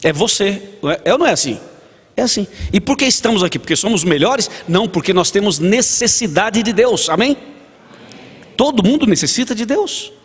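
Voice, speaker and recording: A pastor with a Brazilian Portuguese accent delivers a sermon in a reverberant church hall, mixing storytelling, acted-out dialogue, and questions for the congregation. His high, slightly rough voice is expressive and brisk.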